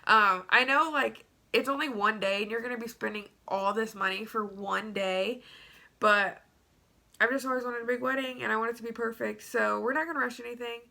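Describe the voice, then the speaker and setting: Young woman vlogger, stuffy nose, gravelly fry, rambling casual story time. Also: a little high, fairly even intonation, fairly quick, bright, forceful tone. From Tennessee. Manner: chatty, rambling with many fillers.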